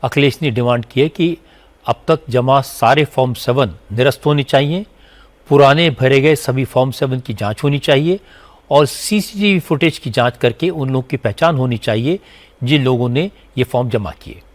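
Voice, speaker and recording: A man narrating a scripted news report in a measured, formal way. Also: medium pitch. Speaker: news anchor.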